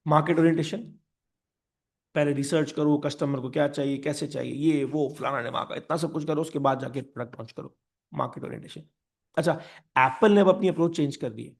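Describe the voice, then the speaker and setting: A young man lecturing on business with a slightly high, gravelly voice. He mixes Hindi and English freely, keeps repeating the key terms, and acts out what companies would say in their own voices. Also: a little fast. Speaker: business teacher. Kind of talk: animated classroom lecture.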